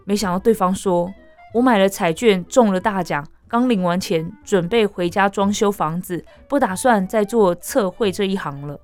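A woman podcast host, chatting casually and reading out online comments in a lively way, with frequent exclamations and laughter. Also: mid-range voice, normal speed, faint music behind. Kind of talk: casual chat reading netizen stories.

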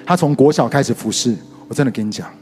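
Animated Taiwanese pastor in an echoing hall. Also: male voice, fast. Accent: Taiwanese Mandarin. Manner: animated storytelling with sudden pitch jumps. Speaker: pastor and worship leader. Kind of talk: sermon. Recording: reverberant hall with soft music behind.

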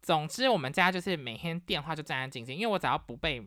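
A woman's voice: low voice, quick pace, no room sound, clean studio sound. A woman from Taiwan hosting a podcast, chatting casually through family stories and acting out each person's quoted voice. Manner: chatty, animated storytelling that acts out the quoted voices of family members. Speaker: podcast host. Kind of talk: casual storytelling monologue.

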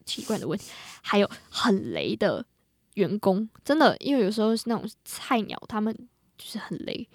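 A young adult woman with a Taiwanese Mandarin accent, chatting casually and telling things in an animated, colloquial way. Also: mid-range voice, normal speed, no echo, studio quality. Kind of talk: casual chat.

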